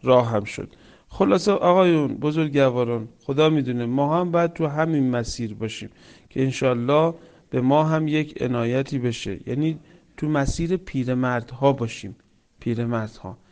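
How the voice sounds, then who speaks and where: A man preaching a sermon with stories, swinging between loud emphatic lines and soft hushed ones, reciting Quranic verses. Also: mid-range voice. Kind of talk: religious sermon with storytelling.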